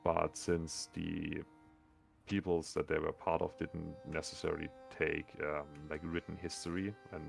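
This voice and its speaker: Very deep gravelly man, game master. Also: flat delivery, a little slow, faint music behind. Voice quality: gravelly, low sonorous voice. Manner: rambling, many fillers. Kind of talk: narrating a tabletop game.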